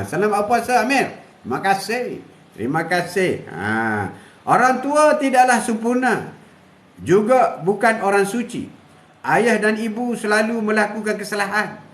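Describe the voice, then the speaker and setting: An older man, hosting a live stream and giving a preachy, repetitive moral talk, chuckling often. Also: high voice. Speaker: host. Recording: echoey room.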